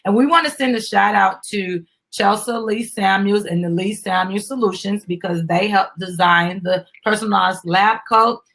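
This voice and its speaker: In a husky, slightly bright mid-range voice, a middle-aged woman presents a children's book, reading with animation before stepping out of the story to explain it. She's encouraging and instructive toward kids and parents, with fairly even intonation, a moderate pace, and hardly any pauses.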